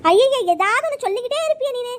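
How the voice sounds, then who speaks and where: A performer voicing a bossy older woman in a cartoon, nagging and scolding in quick sharp retorts. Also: very high voice, lively intonation, a little hiss or hum. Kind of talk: cartoon voice acting.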